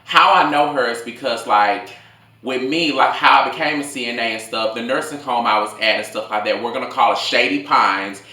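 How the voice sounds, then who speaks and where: Man, late twenties, food vlogger, casual rambling storytime, slangy, bright voice, roomy echo. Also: mid-range voice, normal speed. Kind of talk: casual storytime told over a meal. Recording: echoey room.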